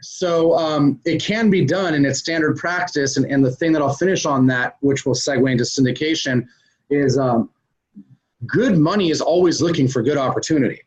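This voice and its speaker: A man's voice: a little high, moderate pace. A man being interviewed as a real estate investor, explaining business ideas conversationally with plenty of "um" and "uh". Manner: conversational, explains step by step with many "um" and "uh" fillers. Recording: dull lo-fi recording.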